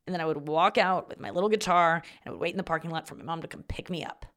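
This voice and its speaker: Low-pitched woman podcaster with vocal fry. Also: very fast, fairly bright tone. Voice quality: vocal fry, talking from the back of the throat. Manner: rambling, self-deprecating, swears casually. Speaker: podcast host and comedian. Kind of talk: casual solo podcast monologue.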